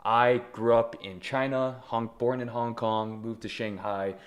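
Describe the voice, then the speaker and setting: A young man hosting his own podcast, speaking in an energetic, emphatic way with self-deprecating asides in a solo motivational monologue. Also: mid-range voice, unhurried. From Taiwan. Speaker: podcast host.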